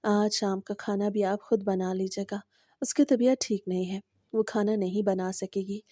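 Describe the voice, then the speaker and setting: A patient, devoted young husband speaks gently and evenly, read by a woman narrator. The tone is very dark and mellow, and the recording is dry and close with no room sound. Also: mid-range voice, little pitch movement, no echo, natural voice. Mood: concerned.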